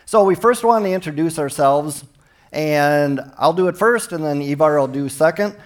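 This Minnesota-born conference speaker delivers a technical presentation from a big hall's stage at a normal speed. His slightly high voice carries an easygoing warmth, and his friendly, chatty style includes a few false starts.

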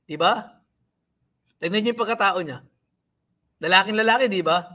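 At a moderate pace, a male livestream host rants in his commentary, with a high voice that is pushed and bright. He mocks the people he's discussing and scolds them.

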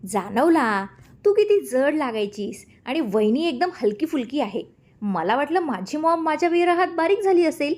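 Cheeky young son in a storybook reading, bright, lifted voice, put on by a woman narrator. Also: fairly high pitch, lively intonation, a little slow. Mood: teasing. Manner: cheeky, jokey. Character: playful teasing young man, a grown son.

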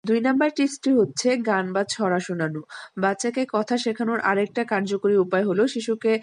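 Woman host, mid pitch, dry close voice-over, steady instructive delivery of parenting tips. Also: fairly quick, no room sound.

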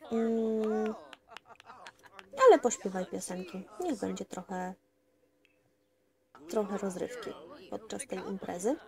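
Unhurried woman chatting through a game. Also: medium pitch, vocal fry, mellow. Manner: chatty, coaxes her game characters and addresses viewers directly. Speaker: gameplay commentator. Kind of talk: casual let's-play commentary.

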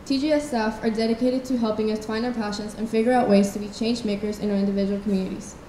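A young woman reads steadily from her phone into a handheld mic. Her voice is warm and somewhat high. The event hall adds a roomy echo and a faint hum. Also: fairly even intonation, fast talker. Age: young adult. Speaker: student presenter. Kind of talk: reading a presentation.

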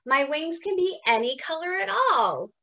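A woman voicing a young female butterfly in a read-aloud picture book, lifting her voice softly higher. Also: sing-song, measured pace, exaggerated voice. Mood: wistful. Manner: soft storybook voice, lifted higher than the reading voice. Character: young female glass-winged butterfly, gentle and hopeful.

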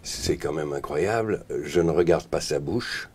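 A middle-aged male voice actor and singer, interviewed, telling lively stories and acting out voices. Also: measured pace, slight background noise. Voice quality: very deep, husky. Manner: lively storyteller, acts out voices.

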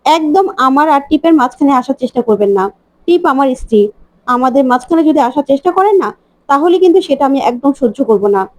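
A woman's voice: high-pitched, animated, a little fast, darkish tone, no room sound. A woman reading a stern, irritated young husband. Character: man insisting he is someone else.

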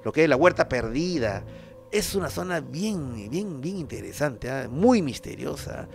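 A man with a Peruvian accent hosting a paranormal show, telling stories in a loose, slangy, animated way with lots of fillers. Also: on the high side, a little slow, vocal fry, faint music behind. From Peru. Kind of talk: casual paranormal storytelling.

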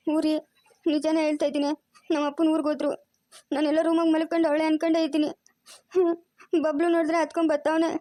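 A woman voicing a loud, frantic grandmother who scolds and wails, with a rural Chikkaballapur Kannada accent. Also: high voice, flat delivery, quick pace, long pauses, no room sound, studio quality, lightly acted. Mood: pleading. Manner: scolding, wailing. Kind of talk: cartoon voice acting.

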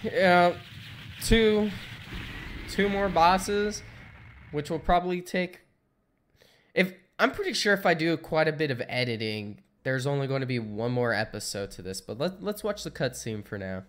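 A man's voice: on the high side, lively intonation, a little slow. A man giving casual, self-deprecating commentary while he plays a video game, muttering at the game as he goes. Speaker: let's play gamer.

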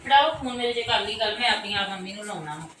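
A woman's voice: medium pitch, expressive, fast talker, lightly acted. A woman playing a taunting Punjabi daughter-in-law. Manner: taunting, sarcastic. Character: sharp-tongued young daughter-in-law. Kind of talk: comic domestic skit. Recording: echoey, distant, very noisy home recording.

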